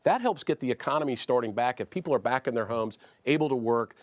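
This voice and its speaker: A man's voice: mid-range voice, animated, fast, no room sound, studio quality. A man speaking as a political analyst on a panel, confident and explanatory. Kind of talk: studio panel discussion.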